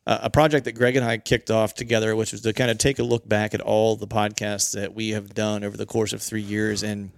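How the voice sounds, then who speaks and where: Gravelly, low-voiced male podcast host. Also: flat delivery, a little fast, hardly any pauses, dry recording, clean studio sound. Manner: jokey, rambling, conversational. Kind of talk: casual podcast chat.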